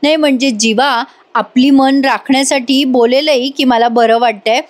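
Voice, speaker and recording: A woman's voice: high-pitched, fairly even intonation, normal speed, natural voice. Woman doing a fussy, fretting mother. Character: older mother, fussy and anxious. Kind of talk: voice-over retelling of a TV serial.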